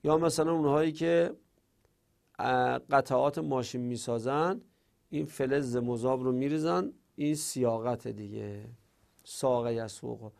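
A man with a gravelly edge to his voice teaches a grammar class in a classroom. He goes through the rules one by one and voices the questions his students might ask, then answers them himself. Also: medium pitch, darkish tone. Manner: explains step by step, asks and answers imagined student objections.

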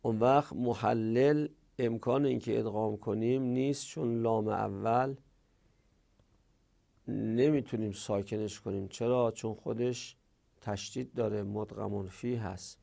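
A man teaching a grammar lesson, speaking deliberately and drawing out the example words. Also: lowish voice, fairly even intonation, vocal fry, mellow.

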